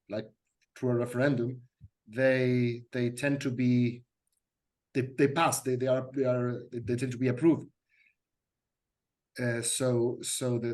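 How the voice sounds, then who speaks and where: Man, panelist, casual, stammers. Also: mid-range voice. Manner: stammering repeats, light laughs. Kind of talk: casual discussion.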